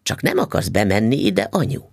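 A man reading an audiobook, voicing an excited, eager young child with a high, breathless voice. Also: creaky, husky, no echo, studio quality, heavily acted. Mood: curious.

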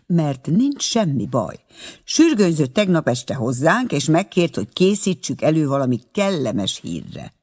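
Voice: mid-range voice, sing-song, a little mellow, husky. A reader voicing a tall young butcher's apprentice who delivers a message politely and reassuringly in an audiobook. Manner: dutiful, reassuring.

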